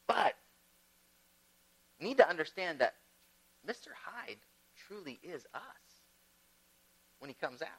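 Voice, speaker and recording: A man preaching a sermon, telling stories and moving between loud emphatic phrases and quiet, low asides. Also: a little slow, pauses often, husky, poor audio. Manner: storytelling, lively with big swings in loudness. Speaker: pastor.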